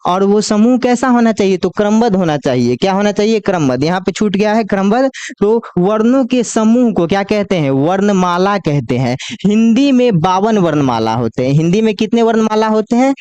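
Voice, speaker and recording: Man, Hindi grammar teacher, high voice, smooth and clear, asks and answers his own questions, dry close sound. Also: a little mellow, dry recording. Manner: asks the class questions and answers them himself; drawls out the letters slowly as he lists them. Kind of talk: classroom lecture. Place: coaching class.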